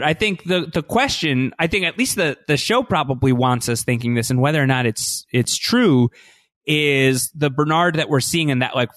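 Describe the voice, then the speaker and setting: A man co-hosting a podcast, chatting casually about a TV episode, animated and often restarting his sentences. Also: fairly high pitch, no room sound, studio quality. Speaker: podcast co-host. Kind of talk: casual chat recapping a TV episode.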